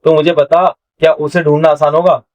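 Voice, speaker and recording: A man's voice: fairly high pitch, level tone, a little fast, darkish tone, muffled recording. A young man teaching a casual vocabulary lesson, quizzing and teasing his student in a playful way.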